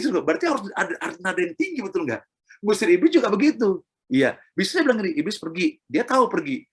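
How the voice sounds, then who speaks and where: A man's voice: high-pitched, a bit bright, husky. A middle-aged man preaching a sermon, emphatic and repetitive, speaking straight to his listeners.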